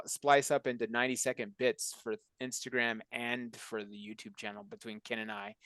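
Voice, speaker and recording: A man's voice: medium pitch, clear, resonant tone, no room sound. A man hosting a casual chat on a video call, joking and rambling. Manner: joking, rambling, self-mocking. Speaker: show creator and host of the call.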